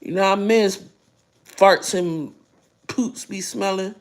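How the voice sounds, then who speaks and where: A woman's voice: mid-range voice, takes it slowly. A middle-aged American woman chatting casually and bluntly in a rambling vlog while she eats, her mouth sometimes full. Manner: blunt, earthy. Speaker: vlogger.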